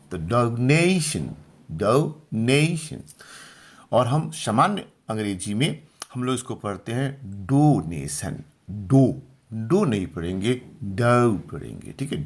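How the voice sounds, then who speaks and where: A middle-aged man from India gives a pronunciation lesson, speaking slowly and repeating each word. His voice is slightly husky, and his pitch rises and falls a lot as he checks whether his students have understood. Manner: slow, patient, repeats words and asks if clear. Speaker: English teacher. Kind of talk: Hindi-language pronunciation lesson.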